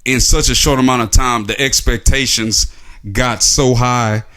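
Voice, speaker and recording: A man's voice: mid-range voice, steady tone, a little slow, pushed and bright. A man delivering a casual, sarcastic opinion monologue, full of rhetorical questions and filler words. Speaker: sports commentary vlogger.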